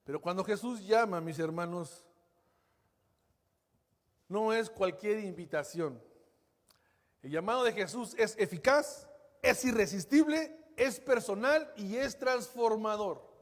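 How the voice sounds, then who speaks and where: A male pastor delivers a fervent sermon in a high, bright voice. His delivery swells to bold peaks and then sinks to near-whispers. The long reverb of a large hall trails behind every phrase. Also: slow, long pauses.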